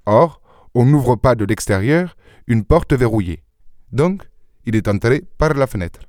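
Brief: male reader doing a composed, faintly dogmatic gentleman detective in an audiobook, mid-range voice, dry studio sound. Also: mid-range voice, moderate pace, no echo, natural voice. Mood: lecturing. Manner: calm, assured, slightly lecturing. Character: calm, self-assured gentleman sleuth, dogmatic.

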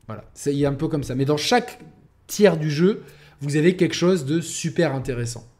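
A man's voice: on the high side, fairly quick, a little mellow. Rambling French-speaking man reviewing a game. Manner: rambling, many restarts and fillers. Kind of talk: casual video game review.

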